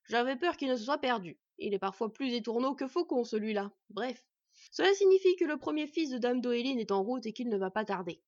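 A woman voicing a proud old male dwarf blacksmith with booming, emphatic exclamations. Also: lively intonation, brisk, darkish tone, no echo, highs cut off. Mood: cheerful.

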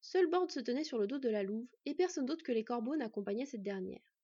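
A woman narrating a fantasy story in an even, measured reading. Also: on the high side, breathy edge, no echo. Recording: dull, dry recording.

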